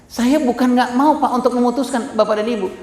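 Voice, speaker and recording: A man's voice: very high-pitched, steady tone, fairly quick, a little mellow. A middle-aged man gives a talk on parenting in a roomy hall, and his voice rings off the walls. He keeps turning to the crowd and joking at his own expense as he goes. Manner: addresses audience directly, frequent self-deprecating humor. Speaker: parenting speaker. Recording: echoey hall.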